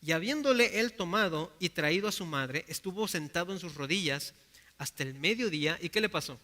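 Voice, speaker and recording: A man's voice: sits high, animated, fairly quick, pushed and bright. A man with a Mexican Spanish accent preaching a sermon in an earnest way, acting out the people in his Bible stories.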